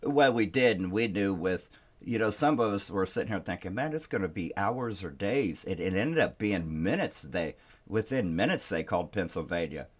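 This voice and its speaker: A man with a lowish voice runs a reaction commentary over video clips. He taunts the people in them, swears freely and keeps laughing at his targets. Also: lively intonation, normal speed.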